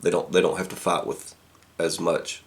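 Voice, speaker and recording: Casting: man with a very low-pitched voice, casual reviewer, thinks aloud in halting phrases. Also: little pitch movement, a little hiss or hum. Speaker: pipe tobacco reviewer.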